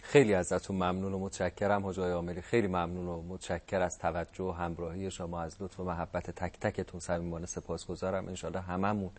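A man's voice: low-pitched, flat delivery, hardly any pauses, a little mellow. A man hosting a religious program, thanking his guest in a courteous, formal way. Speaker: program host.

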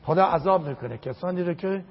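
This religious lecture, given within an interview, comes from an older man whose first language is Azerbaijani and whose voice is gravelly yet high-pitched. A scholar, he preaches emphatically, recites Arabic verses and repeats phrases for stress, captured on a dull lo-fi recording.

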